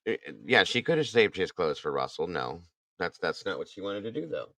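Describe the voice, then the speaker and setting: Deep-voiced blunt man, dry sound. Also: very animated, brisk, fairly bright tone, dry recording. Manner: blunt, indignant, swears. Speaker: true crime podcast host. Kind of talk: casual chat.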